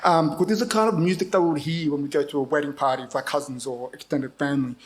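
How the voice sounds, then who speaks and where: A man's voice: on the high side, fairly even intonation, fast talker. A man in his thirties with an Australian accent, chatting on a live panel in a rambling, self-deprecating way, laughing often. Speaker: panelist, book editor. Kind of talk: casual chat at a live panel.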